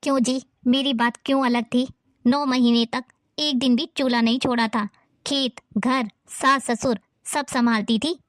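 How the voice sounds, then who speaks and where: Scornful nagging mother-in-law, a woman acting, scolding tone, fairly high voice. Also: fairly even intonation, a little slow, dry recording, clean studio sound. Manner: scolding, taunting. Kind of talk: family drama acting.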